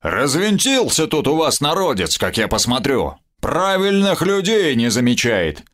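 A man doing a loud swaggering brawler. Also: fairly high pitch, big pitch swings, measured pace, pitched above the performer's own voice. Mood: boastful. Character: brash boastful male brawler, rough.

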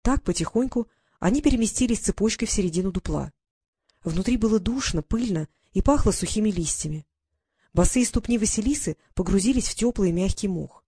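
Woman narrator for a fantasy audiobook, even delivery, dry close recording. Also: mid-range voice, a little fast, breathy edge, no echo. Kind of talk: scripted narration.

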